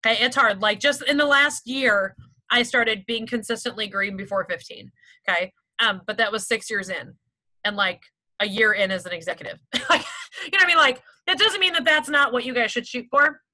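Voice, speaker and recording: High, bright-voiced upbeat woman. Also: fairly quick, rough recording. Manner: upbeat, chatty, many "like" and "okay" fillers. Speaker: sales team director leading a meeting. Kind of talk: motivational team meeting talk.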